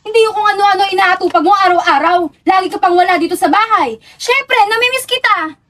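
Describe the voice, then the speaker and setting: A woman's voice: very high-pitched, brisk, a bit bright. A woman acting as a fed-up young wife and mother who scolds and swears at her husband in a student drama. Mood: reproachful.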